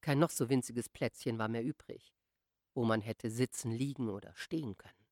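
Female audiobook narrator, measured literary reading, dry close studio sound. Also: very deep voice, dry recording. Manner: measured, expressive storytelling. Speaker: audiobook reader.

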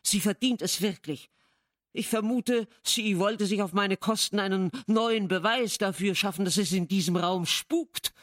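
A woman voicing a nervous, wordy gentleman guest who speaks in an agitated, hurried way. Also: mid-range voice, no echo, studio quality, natural voice.

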